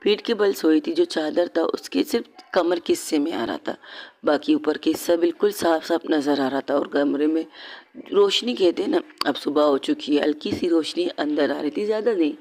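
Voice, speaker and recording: A woman's voice: low voice, normal speed, a little mellow. A woman narrating a romantic audio story in a conversational way, often repeating phrases and correcting herself.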